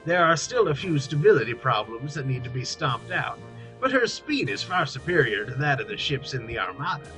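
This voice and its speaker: A man's voice: mid-range voice, sing-song, fairly quick, sharp tone, faint music behind, rough recording. A man voicing a courteous, melancholy knight adventurer in a formal way. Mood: courteous, rueful.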